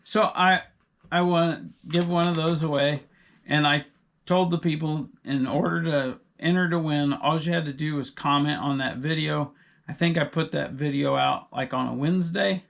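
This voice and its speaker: A middle-aged man with a gravelly, slightly raised voice chats loosely on a podcast. He rambles through his stories, sidetracking himself before circling back to the point. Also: fairly high pitch, moderate pace, a bit bright. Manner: rambling, digressive storyteller. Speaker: podcast co-host. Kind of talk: casual chat.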